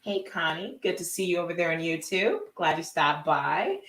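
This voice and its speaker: Older woman co-host, bright cheerful greeter, roomy distant sound with faint noise. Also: fairly low pitch, animated, normal speed. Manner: cheerful, greets viewers one by one, laughs often. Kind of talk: live-stream shout-outs. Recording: echoey room, far from mic, faint noise.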